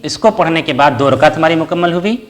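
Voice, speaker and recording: Speaking at a quick pace with a fairly high pitch, a man teaches religion patiently, one step at a time. He asks his own questions and answers them, and recites brief Arabic prayer phrases along the way.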